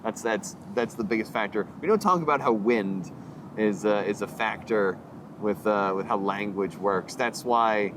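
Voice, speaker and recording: A young man, a comedian guest, trading quick wry banter in a casual chat. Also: fairly low pitch, background noise.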